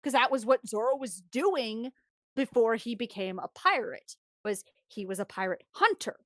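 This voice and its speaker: High-voiced woman rambling a story recap. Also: moderate pace, no echo, studio quality. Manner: animated, rambling, frequent restarts. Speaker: streamer.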